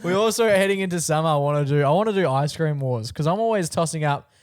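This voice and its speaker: A young man co-hosting a podcast, cheeky and quick to tease. His voice sits a little higher than most men's. He rolls through the chat in a casual way. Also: lively intonation, clear, resonant tone, no room sound, studio quality. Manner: cheeky, teasing. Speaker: podcast co-host.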